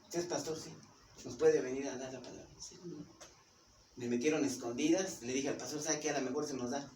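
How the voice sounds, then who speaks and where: A man's voice: medium pitch, steady tone, fairly quick, a little mellow. A man with a Mexican Spanish accent preaches a sermon, stopping often to put questions to his congregation. He is picked up from a distance, so his voice comes through a roomy church hall with some noise in the background. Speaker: pastor.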